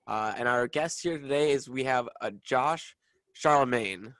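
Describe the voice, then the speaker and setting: A young man hosting a podcast, upbeat but halting, with many fillers and restarts. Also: mid-range voice, a bit bright, dry recording. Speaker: podcast host. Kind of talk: casual interview chat.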